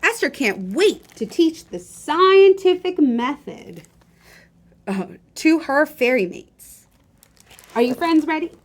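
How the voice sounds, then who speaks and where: Reading a picture book for kids at library storytime, this woman uses a high-pitched, unhurried voice. Animated and expressive, she addresses the children directly and breaks off for chatty asides.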